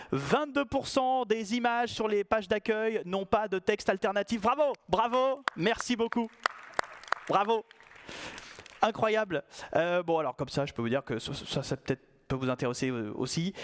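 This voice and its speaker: A man giving a conference talk in a playful, ironic, conversational way. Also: fairly high pitch. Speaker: conference speaker.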